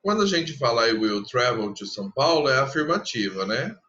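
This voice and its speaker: Bright-voiced Brazilian teacher explaining patiently. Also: male voice, mid-range voice, very animated, dull audio. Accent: Brazilian Portuguese. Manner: patient, explains step by step, repeats example sentences slowly. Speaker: English teacher. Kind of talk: recorded classroom lesson.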